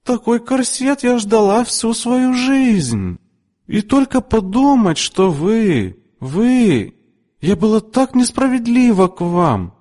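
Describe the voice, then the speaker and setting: A shrill, demanding heavyset older woman, as a male reader puts her on. She talks in a high, swooping voice that rings out in a reverberant room. Imperious and loud in every line. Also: big pitch swings, slow pace, exaggerated voice. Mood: ecstatic. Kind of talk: audiobook character voice.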